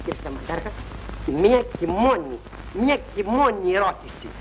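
An actor playing a naive young soldier in a 1960s film comedy, rambling and apologizing, with pompous turns of phrase. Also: male voice, sits high, very animated. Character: naive, talkative young soldier, pleading and indignant. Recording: noisy old film soundtrack.

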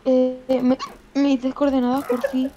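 A woman's voice: high-pitched, little pitch movement, a little slow, dark tone, a little hiss or hum. A woman from playing a game with friends, giggly and replying briefly. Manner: giggly, short replies. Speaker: co-player. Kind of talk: casual game chat.

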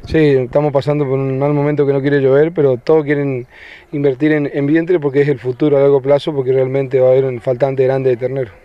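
An Argentine man in his thirties answers in an interview with little pitch movement. He is close on a handheld mic, dry and slightly dull. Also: flat delivery, quick pace, no echo. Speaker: cattle auction interviewee. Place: outdoors by cattle pens. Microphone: handheld interview microphone.

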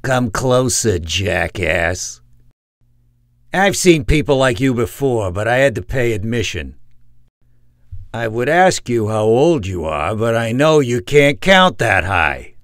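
A man's voice: mid-range voice, sing-song, slow pace, fairly bright tone, dry recording, clean studio sound, full character voice. A man voicing a mean, mocking pumpkin character with a sneering, insulting manner, for a comic gadget. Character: mean, mocking, foul-mouthed male pumpkin in a mirror.

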